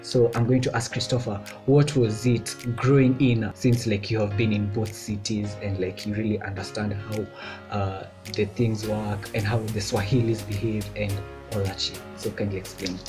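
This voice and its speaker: A man's voice: fairly low pitch, flat delivery, normal speed, music in the background. Chatty young Kenyan man vlogging. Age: young adult. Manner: loose and chatty, heavy with filler words. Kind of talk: casual chat.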